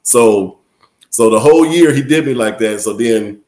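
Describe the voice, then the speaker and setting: A man who once played pro basketball tells stories in a loose, profane, animated way and laughs often. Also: medium pitch, normal speed. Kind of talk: casual storytelling. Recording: roomy echo.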